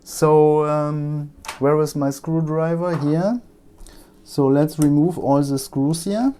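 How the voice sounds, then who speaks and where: A man's warm voice, pitched on the high side, comes through with slight background noise as he repairs a laptop at his bench. He's a German technician with a German accent, and his casual vlog talk is halting and peppered with ums and uhs.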